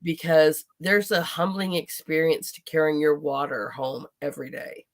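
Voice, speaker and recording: A woman's voice: sits low, moderate pace. An enthusiastic woman hosts an interview in a loose, casual way. She talks in long, chatty runs and turns often to address her audience directly. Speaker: host.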